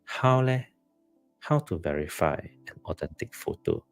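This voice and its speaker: A man's voice: low voice, expressive, unhurried, vocal fry, no echo, faint music behind. A man with a Malaysian accent co-hosting a casual live chat, talking in a hesitant, rambling way. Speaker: co-host of a live stream.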